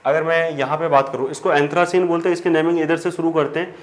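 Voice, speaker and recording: A man's voice: fairly high pitch, flat delivery, quick pace. A man, teaching chemistry at a board, explaining step by step and answering his own questions. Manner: addresses students as children. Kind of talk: whiteboard lesson. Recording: faint background noise.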